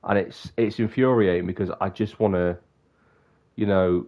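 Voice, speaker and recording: Lo-fi audio captures a young man's low, steady voice at a moderate pace as he rambles on a live stream. He sounds congested and sniffly, and he keeps interrupting himself partway through sentences.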